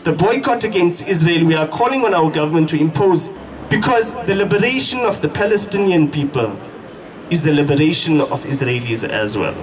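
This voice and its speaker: A South African man giving a fiery political speech at a protest, speaking in emphatic, deliberate phrases with repetition. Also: on the high side, expressive, a crowd in the background. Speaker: activist speaker at a protest rally. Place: outdoor protest. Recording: distant mic, noisy outdoor street ambience.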